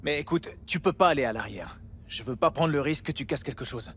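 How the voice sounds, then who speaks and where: A man's voice: on the high side, lively intonation, fairly quick, fairly bright tone, slight background noise. A man playing a brusque, dismissive technician in a French video game, offhand and curt. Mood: amused, wary.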